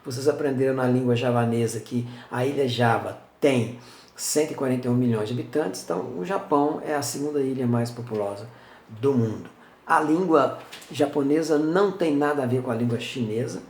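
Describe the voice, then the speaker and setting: A man's voice: mid-range voice, fairly quick, darkish tone, slight background noise. An older man with a Brazilian Portuguese accent gives a chatty, informal lesson, often checking in with his listeners. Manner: chatty, checks in with frequent tag questions. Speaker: language presenter. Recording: roomy echo.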